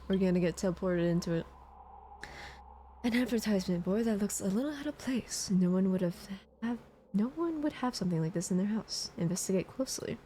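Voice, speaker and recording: A woman's voice: mid-range voice, animated, a little fast, warm tone, a little hiss or hum. A woman streaming a game, reading its text aloud expressively and adding casual commentary. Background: music.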